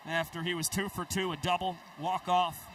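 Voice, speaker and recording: A man's voice: high-pitched, level tone, normal speed, recorded from a distance, background noise. A man calling a baseball game as a play-by-play broadcaster, in short punchy phrases. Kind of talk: sports play-by-play commentary.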